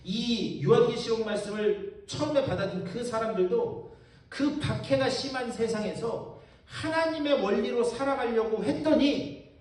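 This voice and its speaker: A man's voice: very high-pitched, measured pace, darkish tone. A male pastor giving a Bible-study sermon, telling a story with animation and asking the congregation questions, recorded in a church hall from far off. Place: church sanctuary.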